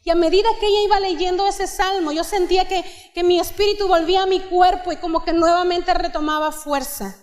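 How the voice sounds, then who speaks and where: A woman's voice: very high-pitched, fairly even intonation, brisk, hardly any pauses, darkish tone. A young woman with a Mexican accent giving an earnest testimony sermon that rises into fervent exhortation, in a church. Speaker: guest preacher. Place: church hall. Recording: long church hall reverb.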